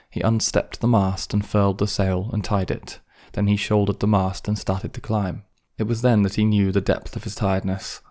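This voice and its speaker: Deep, steady male audiobook narrator. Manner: calm, even reading. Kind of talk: scripted narration.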